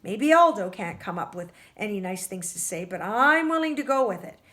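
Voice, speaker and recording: A woman reading a novel aloud for a book club, expressive and stumbling now and then over words. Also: medium pitch, normal speed.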